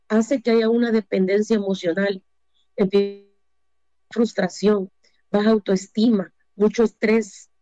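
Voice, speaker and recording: Salvadoran woman in her fifties, counsels on relationships, asks and answers her own questions, warm voice, dry room. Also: medium pitch, no room sound. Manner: asks rhetorical questions and answers them, hesitant fillers. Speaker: relationship speaker. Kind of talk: relationship advice talk. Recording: dull lo-fi dry recording.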